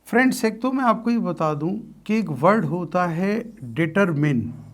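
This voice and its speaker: Male teacher, slow and measured delivery, quizzing students, repeating key terms. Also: high-pitched, expressive. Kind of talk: exam-prep grammar lesson.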